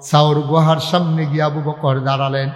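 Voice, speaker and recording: A man preaching a dramatic sermon, telling the story with chanted passages and bursts of shouting. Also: fairly high pitch, flat delivery, normal speed, soft background music. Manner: dramatic storytelling, acting out quoted dialogue; breaks into melodic chanting. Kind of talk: Bengali religious sermon (waz). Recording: echoey hall sound with long reverb.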